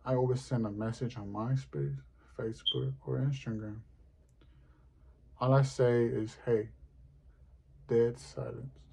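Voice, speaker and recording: A man performing a rambling, deadpan stand-up comedy monologue. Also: mid-range voice, a little slow, vocal fry, pauses often, slight background noise.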